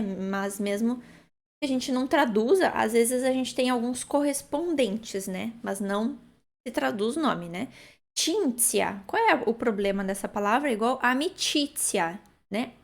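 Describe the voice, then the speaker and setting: Gravelly-voiced woman teaching pronunciation. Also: a little high, darkish tone. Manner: slow, drawn-out model pronunciations with frequent "né?" and "ok?". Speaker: Italian teacher. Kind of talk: language lesson on pronunciation.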